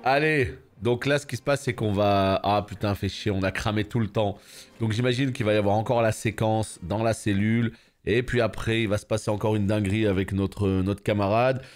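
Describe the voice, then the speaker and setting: Gaming host, male, lowish voice, casual and chatty play-by-play, curses freely, faint game music behind. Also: fairly even intonation, moderate pace. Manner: chatty, swears, answers viewers. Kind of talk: casual gameplay commentary.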